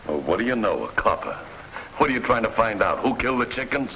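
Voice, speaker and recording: An actor playing a surly, hot-tempered gangster with a sneering, slangy manner in a vintage radio drama. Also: male voice, medium pitch, sing-song, quick pace, sharp tone, a little hiss or hum. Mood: mocking. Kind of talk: 1950s radio drama acting. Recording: dull lo-fi vintage radio recording.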